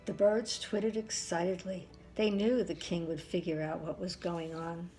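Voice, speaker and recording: A woman's voice: fairly low pitch, steady tone, normal speed, mellow, faint music behind, low-quality recording. A sweet older woman, grandmotherly, narrating a children's story aloud.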